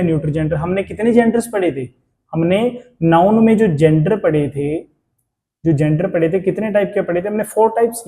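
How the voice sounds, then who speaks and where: Man, grammar teacher, high voice, mellow tone, rhetorical questions, slow English phrases. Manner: asks the class rhetorical questions; reads English phrases out slowly. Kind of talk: classroom lecture in Hindi-English mix.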